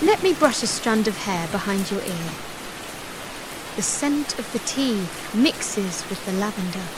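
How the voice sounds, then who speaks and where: A woman playing a tender, doting partner in a soft ASMR role-play, speaking in a soothing, intimate, hypnotic manner. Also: medium pitch, expressive, a little slow, noisy background. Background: rain.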